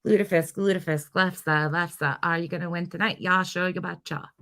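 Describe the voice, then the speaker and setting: A livestream host talks at a moderate pace in a lowish, creaky voice with a steady, sharp tone. She chats casually, reading and answering viewer comments as she hops informally between replies.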